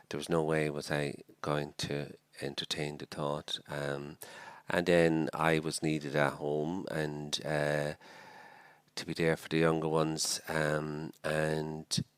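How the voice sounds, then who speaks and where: This Dublin priest, a man in his sixties with a Dublin Irish accent, is an interview guest who speaks reflectively, slowly and in a monotone, with lots of fillers and restarts. His extremely low voice has a slightly bright, clean tone, captured in a dry recording.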